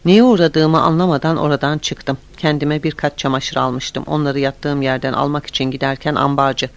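A man reading a story aloud in the first person, in a steady, plain storytelling manner. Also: on the high side, moderate pace, no room sound. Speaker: audiobook narrator. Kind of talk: scripted story narration.

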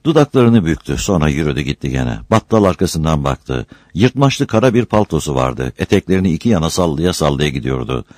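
Deep-voiced man reading a novel. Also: fairly quick, few pauses, no room sound, studio quality. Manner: expressive storytelling. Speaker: narrator.

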